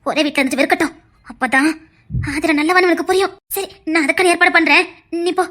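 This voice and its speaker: A woman doing a stern low-voiced village aunt. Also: sharp tone. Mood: firm. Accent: Tirunelveli Tamil. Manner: commanding, low and deliberate. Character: stern scheming middle-aged aunt, head of family.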